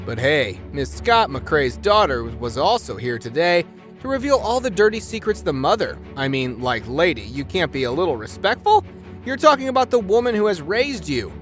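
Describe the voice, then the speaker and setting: Male narrator, dramatized exclamatory commentary, lively intonation, faint music bed. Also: fairly high pitch, normal speed. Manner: exclamatory, scolding asides to those discussed. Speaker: video narrator. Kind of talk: dramatized commentary over court show clips.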